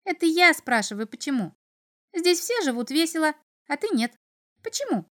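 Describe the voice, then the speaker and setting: A giggly little devil from a children's storybook chatters at high speed, his squeaky voice bouncing in singsong lines, put on by a woman reading the tale. He is pushy and full of mischief. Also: sing-song, moderate pace, a bit bright. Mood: whiny. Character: small mischievous male imp, giggly and chattering.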